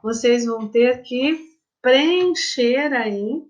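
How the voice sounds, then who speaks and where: A woman with a Brazilian Portuguese accent teaching young pupils at a very slow, patient pace, stretching out words and spelling them letter by letter. Her voice sits somewhat high and sounds affectionate as she calls the children her loves. The audio is dull and lo-fi, like a home video recording. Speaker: primary school teacher. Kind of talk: remote lesson for children.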